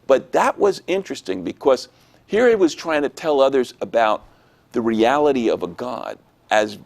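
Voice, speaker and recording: A man telling a personal testimony in an interview, animated and acting out the voices of people he quotes. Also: medium pitch, moderate pace, vocal fry.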